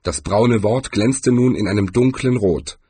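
A man reading a story aloud as an audiobook narrator, telling it in a measured way. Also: lowish voice, mellow, breathy edge, dry recording. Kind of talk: scripted narration.

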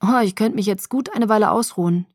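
Woman reading a worn-out caring young guy, soft and a little awkward, dry close sound. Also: medium pitch, brisk, no room sound, natural voice. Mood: tired. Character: tired, caring young man, protective and gentle.

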